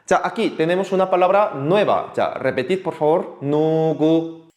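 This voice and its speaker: Teaching an online Korean class, this man's voice sits high and moves briskly; he is lively and patient, repeating words for students to echo back. Faint noise and room echo are audible.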